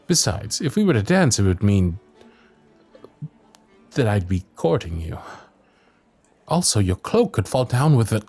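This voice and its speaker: In a romantic fantasy audio roleplay, a man voices a gentle, dutiful young knight of the royal guard, speaking softly and breathily in formal, courtly, hesitant phrases. His mid-range voice is fully in character, and he sounds flustered.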